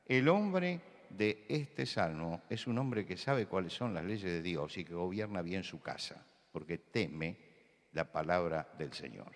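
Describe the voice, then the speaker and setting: An older Argentine man with a Rioplatense accent preaches in a conversational, storytelling way that builds to emphatic points. His voice sits very low. The sound carries a long church-hall reverb. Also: expressive, a little slow. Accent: Rioplatense Spanish. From Buenos Aires, Argentina. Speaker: pastor. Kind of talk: sermon.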